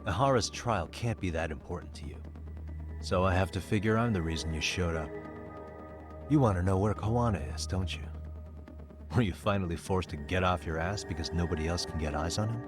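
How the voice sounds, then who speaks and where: Male actor as dogged detective for game drama: deep, informal, confrontational; scored with clear background music. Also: brisk, natural voice. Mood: probing, blunt. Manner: blunt, challenging, informal. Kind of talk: dubbed video game drama acting. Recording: music behind the voice.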